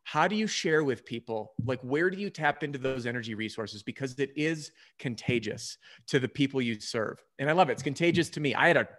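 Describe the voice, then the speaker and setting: A man hosts an interview with an enthusiastic, chatty delivery, full of quick asides. His voice sits at an ordinary middle pitch for a man. The sound suggests a video call. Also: lively intonation, a bit bright. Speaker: host. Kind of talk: interview host.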